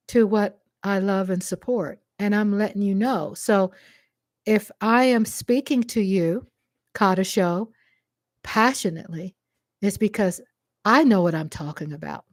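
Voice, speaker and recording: Speaking directly to the camera, a medium-pitched woman with a Texan accent fires back at a commenter with passion and emphasis, repeating phrases for effect. The recording is studio quality, free of echo.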